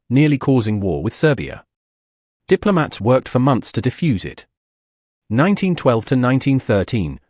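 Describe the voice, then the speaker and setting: In this scripted documentary-style history explainer, a man speaks in a husky, faintly breathy voice with a darkish tone. His pitch climbs and drops dramatically as he lands punchy lines and poses rhetorical questions. The sound is close-miked and dry, without any echo or room sound.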